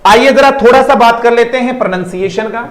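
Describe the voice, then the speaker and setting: A man with a very high, brisk voice teaches an online English class, speaking emphatically and repeating words to drill pronunciation. He addresses students fondly and checks in with questions as he goes. The audio is reverberant and poor.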